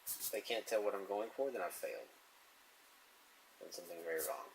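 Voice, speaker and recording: Low-voiced guy mumbling and laughing to himself while sketching, faint hum behind. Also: brisk, gravelly, low-quality recording. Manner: musing, chuckling, talks to himself as he draws. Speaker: artist drawing on camera. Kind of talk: casual narration while drawing.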